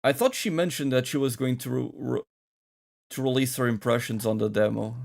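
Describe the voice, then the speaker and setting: A man's voice: mid-range voice, a little fast, gravelly, a little mellow. A man hosting a gaming channel, thinking aloud and rambling through casual reaction commentary.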